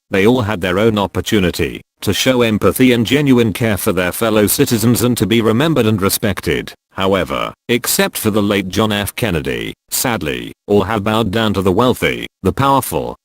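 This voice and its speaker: Anonymous spokesman, male, voice disguised deep, grave and accusatory, dry close read. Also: no echo. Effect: disguised deep voice, pitch-lowered. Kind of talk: scripted address.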